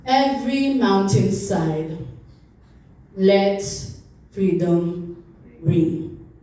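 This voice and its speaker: A woman giving an impassioned, oratorical recitation of a famous speech, with deliberate pauses and repetition. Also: mid-range voice, animated, warm tone. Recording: very echoey, distant from the mic.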